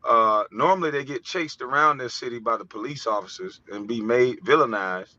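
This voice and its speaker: A man's voice: mid-range voice, moderate pace, bright, forceful tone. A man from the United States delivering an impassioned, profane vlog monologue, heated and preachy. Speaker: vlogger. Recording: dull, dry lo-fi recording.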